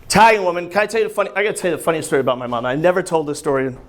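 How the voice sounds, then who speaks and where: A man from New Jersey with a New Jersey accent doing a brash, profane stand-up set, singing and shouting bits on a comedy club stage. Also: fairly high pitch, lively intonation, racing. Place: comedy club stage before a laughing audience. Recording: live club crowd audible.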